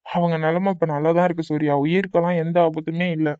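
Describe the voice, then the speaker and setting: Man voicing a calm cartoon doctor, measured and soothing, muffled dry recording. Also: a little high, clear, resonant tone, no echo, natural voice. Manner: calm, reassuring. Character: calm male hospital doctor. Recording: dull dry recording with faint music.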